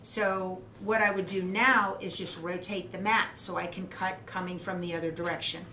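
A middle-aged quilting instructor gives a hands-on demonstration at a cutting table in an indoor craft studio, explaining each step methodically. Her lowish voice keeps a fairly even intonation at a moderate pace, and the room adds echo and clear background noise.

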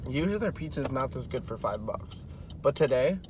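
Congested with a head cold, a young man records a casual day-in-the-life vlog, partly in a car over noisy background sound and later at home. His medium-pitched voice is brisk with lively intonation as he rambles, exclaims and swears freely.

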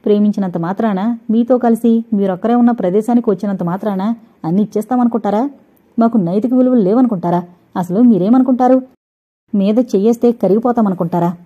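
A woman voicing a spirited young female college student in a dramatized audio novel, talking in quick, indignant bursts. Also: mid-range voice, natural voice. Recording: dull lo-fi recording.

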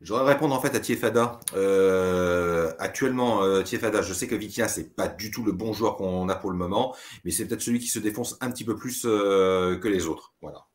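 Low-voiced man hedging in supporter chat. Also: fairly quick, few pauses. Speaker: football supporter. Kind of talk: casual chat.

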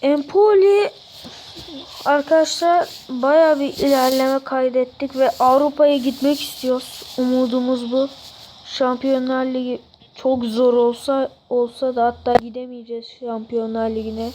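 A young-sounding, voice giving excited, casual football game commentary, exclaiming and shouting at goals and misses. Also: high-pitched, normal speed, a little hiss or hum, rough recording. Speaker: gamer commentating own football career-mode play.

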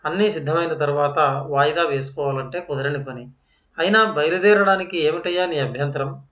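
A man's voice: on the high side, moderate pace, fairly bright tone, lightly acted. A man voicing a stern, principled older professor who speaks firmly and in a fatherly way, on a roomy, dull lo-fi recording. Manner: firm, fatherly and decisive.

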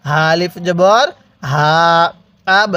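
Teaching Quran reading in a high, sharp voice with no echo, a Bangladeshi Bengali-accented man goes through letters and vowel marks one at a time. The listener repeats each after him in a slow lesson where everything is spelled out.

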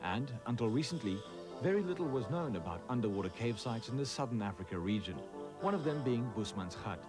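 Male documentary narrator, measured and informative, animated pitch, voice-over on a music bed. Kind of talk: scripted narration.

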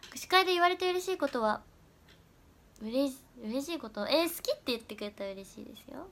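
High-voiced young woman chatting on a livestream. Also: animated, fast. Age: young adult. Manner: chatty, often dropping into soft whispers. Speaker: idol trainee livestreamer. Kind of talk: casual livestream chat answering viewer comments.

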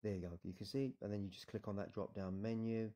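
A man's voice: fairly low pitch, steady tone, fast talker, dark tone. A man with a British accent, an immigration adviser casually talking through an online form, reassuring and often adding "yeah?". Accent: British English. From United Kingdom. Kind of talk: screen-recorded tutorial walkthrough.

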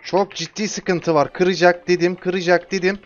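Brief: male gamer, slightly higher voice, trash-talks enemies, muffled mic. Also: normal speed. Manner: trash-talks enemies, excitable, calls them over with repeated shouts. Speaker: gamer streaming his play. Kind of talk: casual gameplay commentary. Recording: dull lo-fi mic with music behind.

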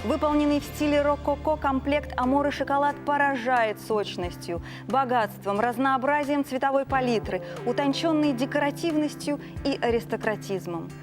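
A woman with a high voice delivers an infomercial pitch over music. She presents like a TV shopping host, gushing and stretching out luxurious adjectives for emphasis. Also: normal speed, hardly any pauses. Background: background music.

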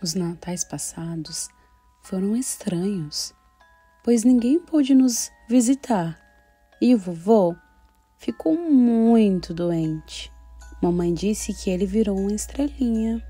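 A woman voicing an excited, sentimental little girl who confides in her diary, in a children's story. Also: medium pitch, breathy edge. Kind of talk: first-person children's story reading.

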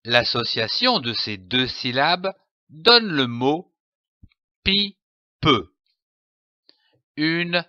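A man giving a reading lesson, spelling out letters and sounding out each syllable clearly. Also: medium pitch, very animated, slow, bright, forceful tone, dry recording, lo-fi sound. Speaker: reading teacher.

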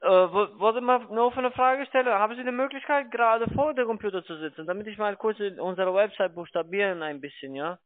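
Speaking fairly quickly with few pauses, a higher-voiced investment salesman works a call centre phone pitch in non-native German. He is verbose and repetitive, his phrasing halting. The telephone recording is thin, band-limited and dry.

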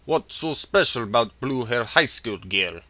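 A man's voice: mid-range voice, lively intonation, a little slow, bright, forceful tone, no echo. A man voicing a melodramatic, sinister foreign henchman in an anime parody, speaking clipped broken English in an overwrought way. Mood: sinister, dry.

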